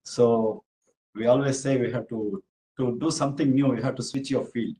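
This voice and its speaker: This genomics professor, an invited speaker from Bangalore, India, responds to post-lecture questions before an audience in an office hall. His mellow mid-range voice has fairly even intonation and a moderate pace, and he explains each step with many "you know" and "uh" asides. The audio is poor, with slight background noise.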